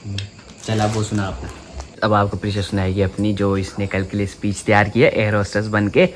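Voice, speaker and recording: A man's voice: fairly low pitch, little pitch movement, fairly quick, background noise. Chatty young man vlogging at home. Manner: chatty, teasing, addresses viewers as guys. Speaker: family vlogger. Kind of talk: casual home vlog narration. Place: family home. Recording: loud crickets chirping behind.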